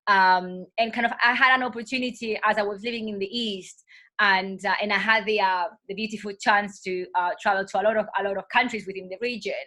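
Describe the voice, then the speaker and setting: A woman with a cold speaks in a husky yet bright, forward voice. She talks as a yoga teacher in a casual interview and drifts between thoughts with gentle fillers and self-corrections. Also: mid-range voice, steady tone, fairly quick. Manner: meandering, full of soft fillers and restarts.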